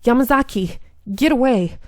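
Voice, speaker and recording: A woman's voice: on the high side, animated, normal speed, dry recording, studio quality, pitched above the performer's own voice, natural voice. A woman voicing an earnest young heroine who speaks with anxious urgency. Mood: urgent.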